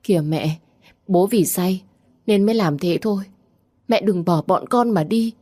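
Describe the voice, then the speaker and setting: A woman's voice: mid-range voice, measured pace, mellow, no echo, clean studio sound, pitched above the performer's own voice, natural voice. A woman reading as a pleading young daughter. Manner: pleading, anxious.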